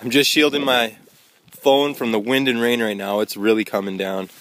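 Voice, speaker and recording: On a wet, windy mountain trail, a young hiking vlogger talks casually into a handheld phone held at arm's length. His voice is medium-pitched, steady and moderately paced, and the recording sounds dry, though loud wind and rain noise come through.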